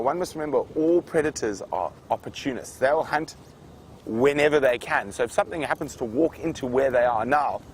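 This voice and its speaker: A man guiding a live savanna safari from an open vehicle, explaining wildlife to viewers in an unscripted, conversational way. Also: mid-range voice. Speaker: safari guide hosting a live game drive. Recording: noisy outdoor vehicle ambience.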